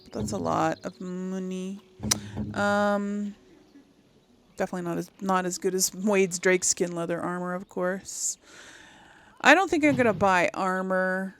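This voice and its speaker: A woman's fairly low, slightly bright voice carries fairly even intonation and an unhurried pace, with slight background noise. She's a gaming video host giving laid-back gameplay commentary, thinking aloud, murmuring to herself, and reading item text aloud.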